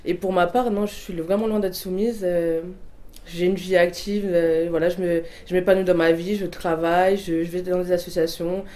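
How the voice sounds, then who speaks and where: Twenty-something woman telling her story, lots of euh and restarts, soft dark voice. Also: on the low side, steady tone, moderate pace. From Portuguese family background. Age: 20s. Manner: hesitant, many fillers and restarts. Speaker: convert giving testimony. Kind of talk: personal testimony, answering prompts.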